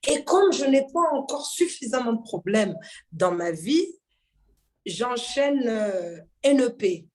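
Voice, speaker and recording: Speaking slowly in a voice on the high side, a woman from Mayotte talks about her life as a guest singer in a relaxed interview. She is lively, laughs a lot, and acts out bits of dialogue.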